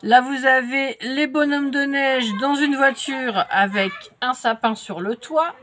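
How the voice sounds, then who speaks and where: French lady with a blocked nose, slow chatty unboxing, lots of euh and restarts, faint hiss behind. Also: high voice, a bit bright. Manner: chatty, many fillers and restarts. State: stuffy nose from a cold. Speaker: crafts vlogger. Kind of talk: casual product unboxing.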